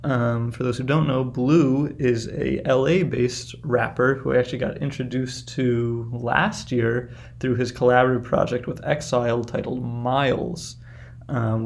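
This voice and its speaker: A man's voice: medium pitch, fairly even intonation, moderate pace, vocal fry. A man hosting a music show, talking informally and chattily between songs.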